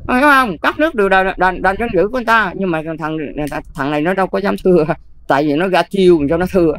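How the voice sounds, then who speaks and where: An older Buddhist nun with a Southern Vietnamese accent, talking casually and emphatically, often checking whether the listener follows. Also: female voice, fairly low pitch, rapid-fire. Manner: emphatic, keeps checking "see?". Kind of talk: casual advice talk.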